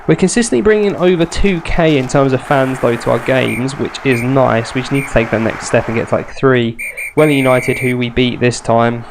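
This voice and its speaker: Background noise accompanies a medium-pitched, creaky male voice, congested and nasal from a cold. The young gaming YouTuber rambles wryly through a football management game in casual let's-play style, poking fun at himself with chatty asides.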